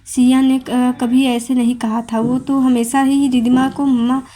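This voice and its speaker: A woman reading a Hindi romance novel aloud as a storyteller, with plain, steady narration and small stumbles. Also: high voice, measured pace.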